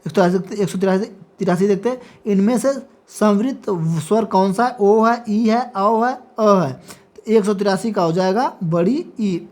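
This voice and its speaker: A female teacher with a medium-pitched, slightly mellow voice reads multiple-choice exam questions and their options aloud. After each answer she briefly confirms it with a checking "ठीक है". It is an exam practice lecture.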